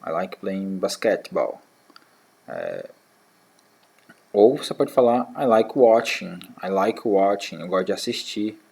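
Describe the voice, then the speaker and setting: A man teaching a beginner English lesson to schoolchildren, saying model phrases slowly and repeating them, checking in with short "tá?" tags. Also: deep voice, big pitch swings, gravelly, a little mellow, husky. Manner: slow, drawn-out model phrases, repeated for practice; fillers like "tá?" and "né". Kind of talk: English lesson for sixth graders.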